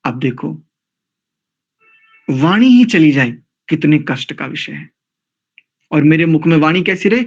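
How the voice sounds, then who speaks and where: Male scripture teacher, slow and exacting, chants mantras, slightly raised pitch, muffled low-fi sound. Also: animated, husky. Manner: deliberate, corrects pronunciation, chants Sanskrit mantras slowly. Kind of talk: religious class lecture. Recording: dull lo-fi recording.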